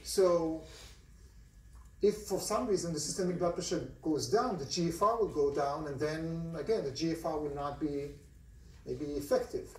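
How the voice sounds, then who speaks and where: Speaking at a normal speed in a fairly high voice, an Israeli-accented man gives a university lecture to a large class. He talks conversationally and frequently questions his students. Someone in the audience recorded it on a phone, and the hall makes it sound distant and roomy.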